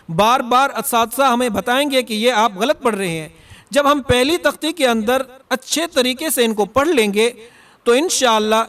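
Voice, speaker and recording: High-voiced man teaching letter sounds. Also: a bit bright. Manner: slow and deliberate, demonstrating letters with drawn-out sounds; corrects mistakes firmly and repeats himself. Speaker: Quran teacher. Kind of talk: Quran recitation lesson.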